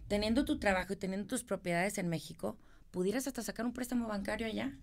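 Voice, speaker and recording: A woman's voice: mid-range voice, fast. A middle-aged woman with a northern Mexican accent from Monterrey, chatting casually and explaining with colloquial examples as an interview guest. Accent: northern Mexican, Monterrey regio. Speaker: guest, real estate consultant and architect.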